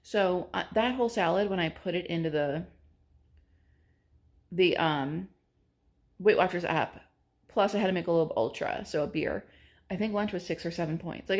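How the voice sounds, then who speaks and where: A woman vlogging about her food in a casual, chatty way, often breaking into informal asides and interrupting herself. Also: fairly low pitch. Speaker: vlogger sharing meals and recipes. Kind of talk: casual cook-with-me vlog chat.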